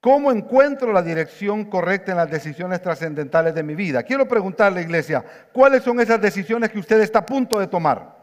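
Honduran preacher telling a story. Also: male voice, sits high, brisk. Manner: animated storytelling preacher, acts out dialogue. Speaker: pastor. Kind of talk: sermon. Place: church sanctuary. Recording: long church reverb.

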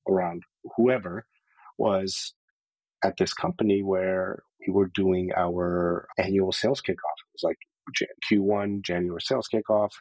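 A man's voice: low-pitched, steady tone, a little slow, a little mellow, no echo, rough recording. A man telling his story openly and earnestly as a podcast guest, with many casual filler words. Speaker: podcast guest, sales leader. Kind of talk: candid personal storytelling.

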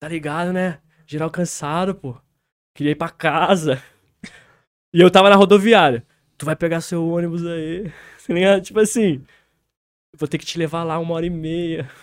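On a clean, dry studio recording, a young guest rapper tells a lengthy tale in slangy, casual Portuguese, laughing and voicing other people's lines. He has a São Paulo Brazilian Portuguese accent and comes from the interior of São Paulo state. His voice is on the high side, smooth and steady, at a normal speed.

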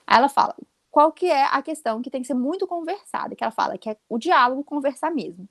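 A Brazilian woman in her thirties talks at a rapid clip in relaxed conversation, her voice pitched a little high. She tells stories emphatically and with animation. The recording is dry and close. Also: no echo. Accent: Brazilian Portuguese. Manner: animated, quick, emphatic storytelling. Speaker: podcast co-host. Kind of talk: casual chat.

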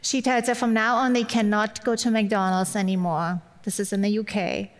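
Speaking in a level, mid-range voice at a normal pace, the middle-aged woman from Germany shares a personal, gently funny sermon as a church guest speaker. Her German accent is clear, and the sound has long hall-like reverb.

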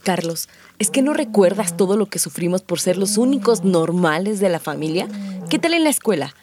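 A woman's voice: medium pitch, very animated, moderate pace, natural voice. Woman playing an anxious, defiant expectant mother. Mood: defiant, pleading. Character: defiant, anxious pregnant sister, fiercely ambitious mother-to-be. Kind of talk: audio drama dialogue.

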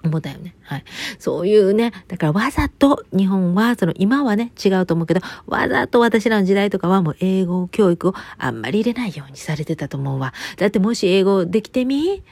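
A woman's voice: medium pitch, lively intonation, brisk, a little mellow, no room sound. A woman with a Kansai accent rambling in a casual solo monologue, chatty and joking, with lots of fillers and asides. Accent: Kansai Japanese.

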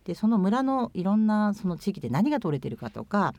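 Gravelly, animated woman in her fifties. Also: mid-range voice, fairly quick, no room sound. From Chiba, Japan. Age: 50s. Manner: hesitant, thoughtful, many fillers. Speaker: guest, former overseas volunteer. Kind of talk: conversational interview answers.

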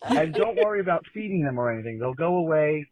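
A man's voice: fairly high pitch, expressive, quick pace. Man rambling in a phone voicemail. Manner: rambling, meandering. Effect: leaving a voicemail over a phone line. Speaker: caller. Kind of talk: casual voicemail. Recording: tinny phone line.

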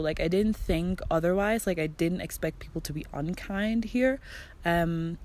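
A young woman in her twenties, originally from Germany, speaking in a slightly low voice. She rambles through a casual vlog story, leaning on "like" and playing out both sides of conversations. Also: a little mellow. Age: 20s. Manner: chatty, fills speech with "like" and "I'm like", acts out quoted dialogue. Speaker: vlogger.

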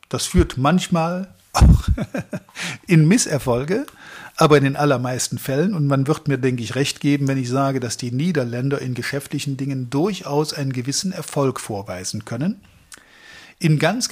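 A man's voice: mid-range voice, darkish tone, husky. A middle-aged man from Germany giving a motivational training talk to salespeople, speaking to them directly and stacking up long lists of verbs.

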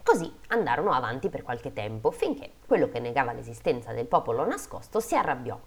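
A woman's voice: extremely low pitch, big pitch swings, fairly quick, slightly rough. A woman hosting a podcast, reading fairy tales aloud and breaking off into playful, jokey asides. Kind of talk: storytelling read-aloud with casual asides.

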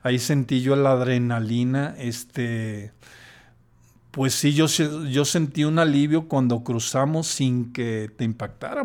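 A man's voice: mid-range voice, darkish tone. An older man, a podcast guest telling a personal story in a hesitant way, with many restarts.

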